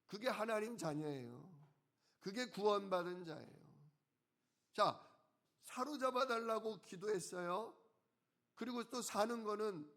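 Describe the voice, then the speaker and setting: A male pastor preaching a sermon, who asks the congregation questions and answers them himself, and slows down to stress key words. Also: high voice, fairly bright tone.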